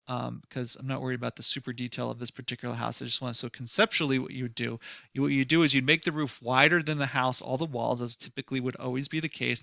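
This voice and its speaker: A man teaching a design class through a screen-recorded software tutorial. He thinks aloud in a loose, conversational way, with many fillers and restarts and a touch of sarcasm. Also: mid-range voice, gravelly, no echo, clean studio sound. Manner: mildly sarcastic at times. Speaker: design instructor.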